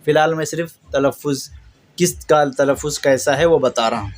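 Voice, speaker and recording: A fairly high-voiced man leads a patient reading lesson. He stretches each word slowly in recitation, repeats it, and points out the usual errors between quicker explanations. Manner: slow drawn-out recitation of words between brisk explanations; patient, repeats and corrects common mistakes. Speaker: Quran reading teacher.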